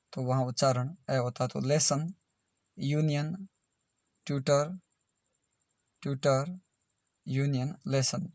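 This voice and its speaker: Slow, patient male English teacher. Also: medium pitch, a little mellow, no room sound, studio quality. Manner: slow, spells out words letter by letter. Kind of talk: spoken video lesson.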